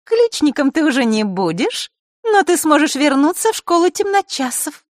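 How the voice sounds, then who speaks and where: A woman's voice: high-pitched, sing-song, moderate pace, dry recording, clean studio sound, voice pushed up. A woman voicing a scheming teenage girl who taunts her rival in a sneering way. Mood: mocking.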